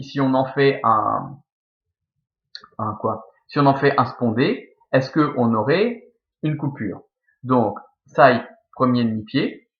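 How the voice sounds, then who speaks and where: A man's voice: mid-range voice, muffled recording. A man with a Belgian French accent teaching Latin verse scansion, thinking aloud step by step with many fillers.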